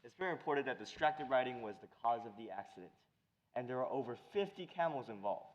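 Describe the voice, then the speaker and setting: A man playing the solemn lead anchor of a mock breaking news broadcast, formal and deliberate, in a dull recording. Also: mid-range voice, expressive, close to an everyday voice. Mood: formal, serious.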